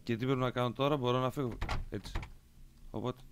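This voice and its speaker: A man's voice: medium pitch, fairly even intonation, background noise. A man casually commenting while streaming a video game, sometimes muttering to himself. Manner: reads game dialogue aloud in English, muttering asides. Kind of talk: casual let's-play commentary. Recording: game music playing behind. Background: guitar music from the game.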